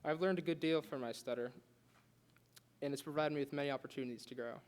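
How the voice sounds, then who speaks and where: It's a prepared speech read aloud in class: a young man with a fairly high voice talks fast and earnestly, occasionally stuttering and starting over.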